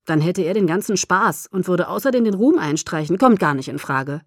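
A woman's voice: fairly low pitch, lively intonation, moderate pace, no room sound. This is a brash young man who shields those he cares about, as a woman reads him in an audiobook. His clipped delivery stays firm and unbending. The recording is dry and close. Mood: stubborn.

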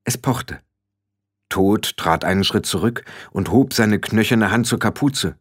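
A man reading a story aloud as an audiobook narrator, in an expressive storytelling manner. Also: fairly low pitch, unhurried, slightly rough. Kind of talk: scripted narration.

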